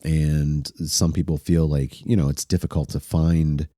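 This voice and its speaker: A man's voice: extremely low pitch, flat delivery, a little slow, dark tone, no echo, clean studio sound. A man with a congested, stuffy-nosed voice who sounds sick, hosting a casual chat in a hesitant, loosely conversational way. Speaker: podcast host. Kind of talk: casual online group chat.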